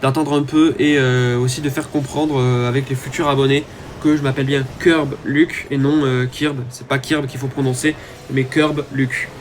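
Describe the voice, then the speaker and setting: A man's voice: mid-range voice, level tone, normal speed, slight background noise. A man giving casual, rambling commentary over his own gameplay, talking to his viewers with many hesitant fillers. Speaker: gaming YouTuber.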